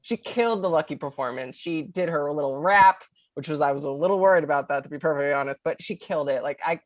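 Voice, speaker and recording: A woman's voice: low voice, fast, no room sound. A woman on a recap panel, talking bluntly and emphatically, repeating her points. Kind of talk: casual recap chat.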